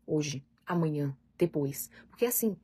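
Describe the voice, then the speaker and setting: A woman speaks earnestly to camera as a parenting coach, often acting out what a parent should say. Her voice sits low and a little breathy. The sound is dry and close. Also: expressive, a little slow, mellow, no room sound. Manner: earnest, emphatic, acts out parent's lines. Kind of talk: faith-based parenting talk to camera.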